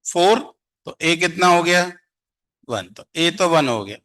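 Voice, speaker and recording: A male math teacher, his voice pitched high and bright. He talks in an unhurried, drawn-out way, coaxing his class and firing questions at them to keep them answering. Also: expressive. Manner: coaxing, quizzes students constantly. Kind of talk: classroom lecture.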